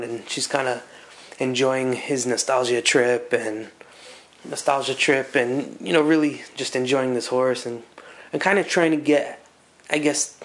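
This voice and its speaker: A man's voice: mid-range voice, gravelly, a bit bright. A man giving casual, loosely conversational commentary as he recaps a story, rambling and hesitant as he goes. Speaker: comic reviewer.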